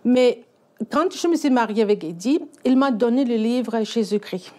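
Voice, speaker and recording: A woman's voice: fairly high pitch, lively intonation, moderate pace, mellow. A woman, a church women's ministry leader, telling her story in a church interview, in French with a non-native accent, hesitating as she searches for words. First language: Icelandic.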